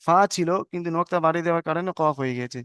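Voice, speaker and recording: Male teacher, patient and repetitive, slightly high smooth voice. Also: a bit bright, no echo, clean studio sound. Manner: patient, repeats letter names slowly, asks if students understood. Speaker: Arabic letters teacher. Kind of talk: online lesson on Arabic letters.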